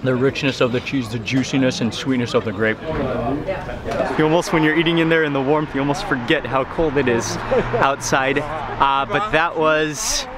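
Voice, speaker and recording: A man's voice: medium pitch, moderate pace, a loud crowd. A man in his thirties, chatty and enthusiastic, filming a travel vlog with a camera held at arm's length outdoors and at a restaurant. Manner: enthusiastic, chatty, savoring food aloud. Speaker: travel vlogger. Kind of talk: casual food and travel vlog. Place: outdoors in a city, on a boat and at a restaurant. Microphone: handheld camera at arm's length. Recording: music playing underneath.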